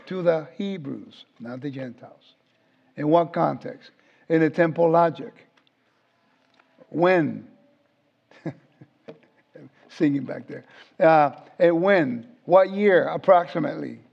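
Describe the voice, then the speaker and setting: A Puerto Rican Bible teacher in his fifties gives an informal lesson, chatting with his class and often quizzing them. His voice is a little high and gravelly. The recording sounds dull and lo-fi.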